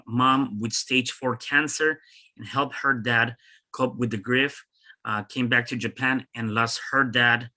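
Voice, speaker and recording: A male podcast host with a bright, forward voice. He halts often, restarting words and filling gaps with "uh" as he works toward his questions. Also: medium pitch. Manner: halting, many fillers and restarts. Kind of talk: interview.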